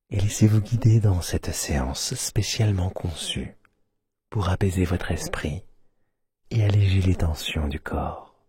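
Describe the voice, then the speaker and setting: A man guiding a sleep hypnosis session in a soft, soothing delivery, close in the listener's ear, at times trailing into a breathy near-whisper. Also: low voice. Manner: close binaural voice, right in the ear. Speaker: host of a relaxation and hypnosis channel. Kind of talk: guided sleep hypnosis narration. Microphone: close binaural microphone. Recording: close binaural recording with soft music. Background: soft background music.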